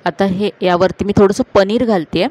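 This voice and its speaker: A woman hosting a cooking channel, calmly narrating each step of a recipe to viewers in a voice-over. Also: medium pitch, moderate pace. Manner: calm, instructive, addressing viewers directly.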